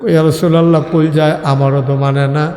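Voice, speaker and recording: High, echoing man preaching a sermon. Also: flat delivery, fairly quick, darkish tone. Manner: storytelling, acting out dialogue, rising to sung and cried lines. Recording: echoey hall with long reverb.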